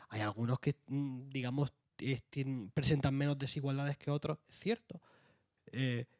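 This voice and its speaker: A young man from Jaén, Spain, speaks with an Andalusian Spanish accent as an author at a round-table discussion, hesitating often with fillers and restarts. His medium-pitched voice is slightly mellow, captured in studio quality with no room sound.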